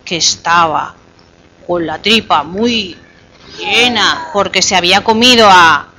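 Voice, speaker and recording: A woman telling a fairy tale to a small child, slowly and playfully, pausing so the child can finish the lines. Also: fairly low pitch, a little hiss or hum. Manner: slow and animated, coaxing the child to finish lines. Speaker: storyteller to a child.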